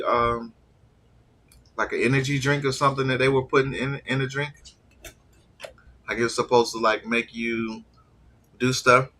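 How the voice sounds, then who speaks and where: A man stuffed up from allergies rambles casually on a live stream while eating, laid-back and trailing off with fillers. His voice is mid-range and bright, with a forceful tone.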